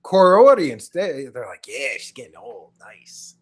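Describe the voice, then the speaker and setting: A man's voice: medium pitch, very animated, unhurried, husky. A man hosting a podcast, talking in a rambling, crude way with lots of fillers. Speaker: podcast host. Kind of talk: casual chat.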